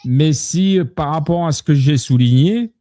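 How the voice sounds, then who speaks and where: A man in a casual conversation works through his point step by step, pausing often. His tone is mellow and rather dark. The recording is dry and close to the mic. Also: fairly high pitch, no echo. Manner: hesitant, explaining step by step.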